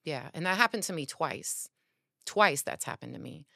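Low-voiced woman telling her story. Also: moderate pace, vocal fry, dry recording, studio quality. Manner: earnest, animated, many filler words. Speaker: podcast guest. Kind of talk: casual conversational storytelling.

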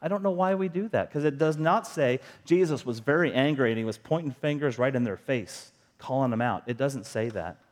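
Preaching as a pastor, a middle-aged man speaks conversationally and frequently poses rhetorical questions to the congregation. His voice is a little high with a darkish tone.

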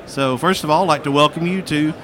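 A man hosting a live podcast interview from a busy convention hall, speaking in a hesitant, halting way. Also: on the high side. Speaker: podcast host. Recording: busy expo hall crowd behind. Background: crowd and hall bustle.

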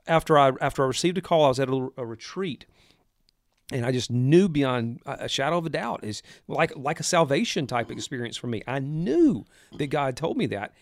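A man in ministry, talking earnestly and reflectively in a casual conversation, telling his own story of a calling with lively retellings. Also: mid-range voice, no room sound, clean studio sound. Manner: earnest storytelling, animated when recalling. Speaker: podcast co-host, minister.

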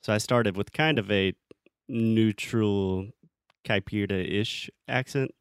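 A man interviews in a casual, chatty way. His voice is fairly low and very clean, recorded dry with little room sound. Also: slow pace, clear, resonant tone, dry recording. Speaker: host, interviewer. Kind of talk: casual chat.

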